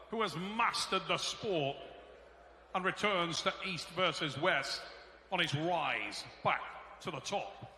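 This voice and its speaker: Loud slow hype announcer guy, high bright swooping voice, big echo. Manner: booming, drawn-out hype calls. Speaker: ring announcer. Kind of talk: arena announcing.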